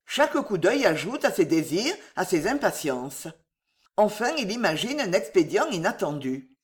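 A storyteller reading an old animal fable in a measured, expressive way. The pitch moves in lively swings over a middle register. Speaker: audiobook narrator. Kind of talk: scripted storybook narration.

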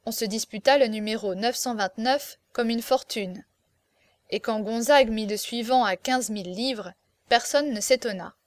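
A woman narrating a classic novel as an audiobook in a steady, expressive storytelling voice. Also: fairly high pitch, normal speed, no room sound.

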